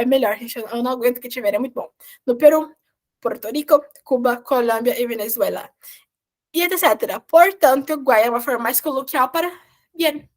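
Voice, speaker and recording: A woman with a high voice, Portuguese her first language, leads a recorded beginner Spanish lesson. She explains in a chatty, informal way, keeps checking in with her students, and talks into a computer mic. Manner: chatty, explanatory, often adds "tá, gente?". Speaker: Spanish teacher.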